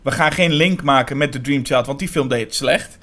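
A man co-hosting a podcast, talking casually about horror films in quick, animated bursts with many fillers. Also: medium pitch. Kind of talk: casual film discussion.

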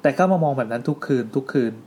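Fast-talking male host telling ghost stories. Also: mid-range voice, darkish tone. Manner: storytelling, reads letters aloud with asides. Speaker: podcast host. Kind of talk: retelling listener ghost stories to co-hosts. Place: indoor studio with co-hosts.

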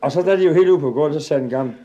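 A man tells a funny anecdote to a live audience in a lively, chuckling way. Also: fairly high pitch, muffled recording. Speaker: storyteller. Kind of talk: comic storytelling to a live audience.

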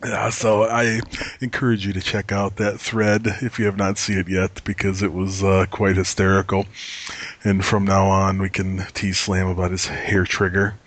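A man with a fairly low voice hosts a casual gaming podcast. He is laid-back and swears freely, and his chat is easygoing and often breaks into laughter. He sounds over thirty. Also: completely flat delivery, moderate pace, a bit bright.

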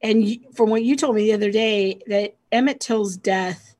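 A woman's voice: mid-range voice, moderate pace, a little mellow. A woman hosting a casual discussion, steering the talk with questions and prompts. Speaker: host.

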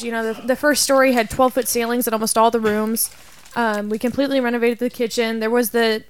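A young woman on a casual podcast, with a somewhat high voice. She tells her story chattily, wandering a little and adding fillers as she goes. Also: clean tone.

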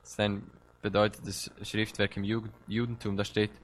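A man with a fairly low voice delivers a sermon. He talks straight to his listeners with fervent, rising emphasis and often doubles his words as he drives a point home. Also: little pitch movement, moderate pace, a little hiss or hum. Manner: impassioned, direct address with rising emphasis and repeated words. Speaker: preacher.

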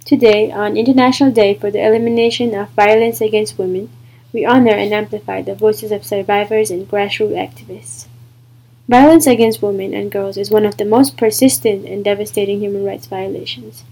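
A young woman intern hosting a podcast, reading a measured, scripted introduction and questions. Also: medium pitch, fairly even intonation, gravelly, warm tone, low-quality recording. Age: young adult. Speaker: intern, show host.

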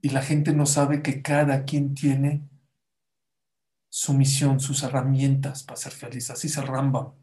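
A man's voice: medium pitch, monotone, unhurried, warm tone. Emphatic man preaching, echoey room. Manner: emphatic, keeps asking the audience rhetorical questions. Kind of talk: motivational sermon to a live audience.

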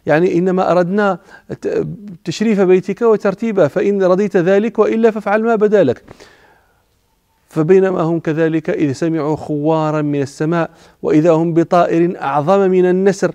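A religious teacher from Morocco speaks in a high-pitched, dark-toned voice, captured without room sound on dull audio. His classical Arabic lecture covers the Prophet's life, with explanations of old words and frequent restarts of words.

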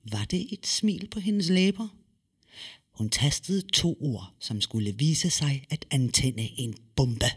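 A man reading a story aloud with lively, expressive delivery and dramatic pauses. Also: medium pitch, breathy edge. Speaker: narrator.

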